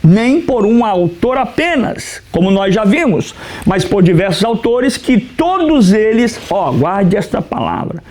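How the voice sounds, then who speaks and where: This pastor's Old Testament class lecture has a sing-song, unhurried, slightly mellow quality, his high voice climbing and dropping as he asks and answers his own questions. He repeatedly tells the students to take notes, occasionally turning away from the mic to face the board.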